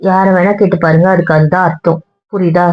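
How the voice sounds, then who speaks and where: A woman's voice: lowish voice, little pitch movement, fast talker. A woman in a couple's argument vlog, talking to her partner in a hurt, weary, lecturing way. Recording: dull lo-fi sound.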